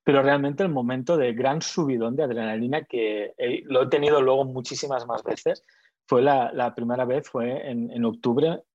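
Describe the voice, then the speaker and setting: A man's voice: medium pitch, moderate pace, darkish tone, no echo, muffled recording. A man from Spain with a Spanish accent, a TV weather presenter in his thirties, answering interview questions casually with many restarts and fillers.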